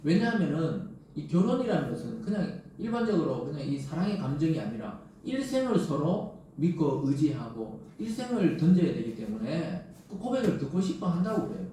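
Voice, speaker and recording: A middle-aged male pastor from the Gyeongsang region with a Gyeongsang accent, preaching a sermon in a conversational, lively way full of rhetorical questions. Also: a little high, brisk, hardly any pauses, a little hiss or hum. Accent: Gyeongsang Korean. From Gyeongsang region of Korea. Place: large church sanctuary. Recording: very echoey church hall from a distance.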